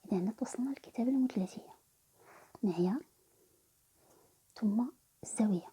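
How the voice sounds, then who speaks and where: A woman's voice: a little high, fairly quick, warm tone, a little hiss or hum, rough recording. A woman with a Moroccan Arabic accent, whispering a math lesson and explaining each step in turn. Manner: whispers nearly every line, explaining step by step. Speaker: math teacher.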